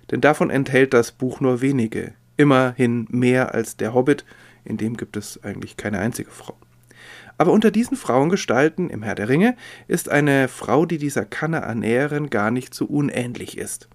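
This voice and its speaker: A man preaching a sermon in a measured, expressive reading voice. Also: mid-range voice.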